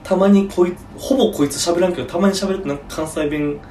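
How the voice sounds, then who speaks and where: A man with a Kansai accent, chatting casually as a podcast co-host, relaxed and quick to laugh. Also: sits high. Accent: Kansai Japanese. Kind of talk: casual chat. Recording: echoey room, mic at a distance, noisy background.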